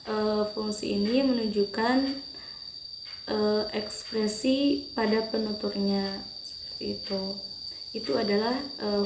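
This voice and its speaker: A young woman presents a class topic in a steady, explanatory way, pausing often with hesitant fillers. Her voice rings in a roomy, echoing space. A faint hiss of background noise runs underneath. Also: mid-range voice. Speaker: student presenter.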